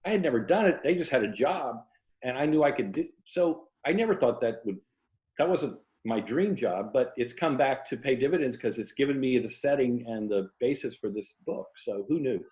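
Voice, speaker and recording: This older writer and ex-journalist from Tampa, Florida, speaks with an American accent in an animated, mid-range voice at normal speed. As an interview guest, he tells anecdotes casually over a video call from an indoor room, where the audio comes across roomy and dull.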